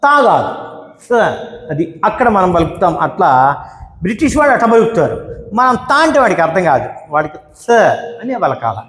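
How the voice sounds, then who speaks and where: A male English teacher with a Telugu accent, giving a lesson and drawing out example words slowly. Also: high-pitched, big pitch swings, a bit bright. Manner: slow, drawn-out example words, explanatory. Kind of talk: classroom-style lesson. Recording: echoey room with long reverb.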